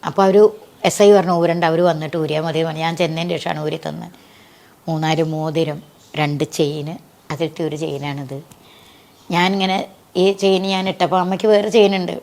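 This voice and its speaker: A woman being interviewed, telling a personal story in an earnest, tender way that sinks soft at the saddest points. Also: fairly low pitch. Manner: earnest and tender, voice sinking soft at sad moments.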